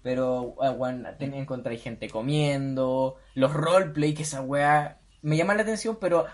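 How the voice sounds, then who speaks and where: A man's voice: mid-range voice, moderate pace. A young man with a Chilean accent hosting a casual podcast chat, slangy and often laughing as he talks over his co-hosts. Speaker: podcast host.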